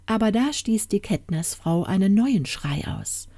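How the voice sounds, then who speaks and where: A woman reads a fairy tale aloud in a slow, soothing way. Her voice is mellow and lower, with a lively, rising and falling melody. The recording is close and dry. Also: no room sound. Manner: calm, soothing storytelling. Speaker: audiobook narrator.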